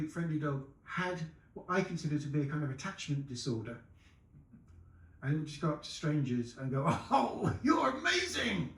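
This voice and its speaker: A man's voice: on the high side, a little mellow. A man, a poet, introducing his poem in a playful, chatty way at a festival reading. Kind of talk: poetry reading with banter. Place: festival venue. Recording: echoey room from a distance.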